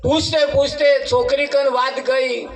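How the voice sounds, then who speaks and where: A man's voice: very high-pitched, little pitch movement, measured pace. A man telling a parable as a folksy sermon, repeating lines and chuckling as he goes. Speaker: spiritual speaker at a devotional gathering. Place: devotional gathering. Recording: echoey room from a distance.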